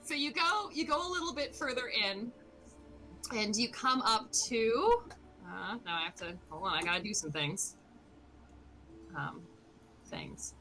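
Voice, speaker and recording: A woman's voice: on the high side, animated, unhurried, pauses often, sharp tone, soft background music, low-quality recording. A woman narrating as game master of a tabletop game, rambling and hesitant, with many fillers.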